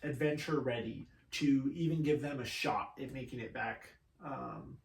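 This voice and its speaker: A man co-hosting a podcast in casual chat, agreeable and quick to back up his partner. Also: medium pitch, steady tone, creaky, far from the mic. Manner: agreeable, backs up his co-host. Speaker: podcast co-host. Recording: roomy sound from off-mic.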